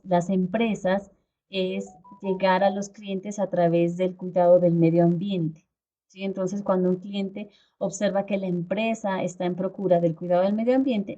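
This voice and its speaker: Instructor, female, warm low-toned delivery, explanatory video-call lecture with frequent check-ins. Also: muffled recording.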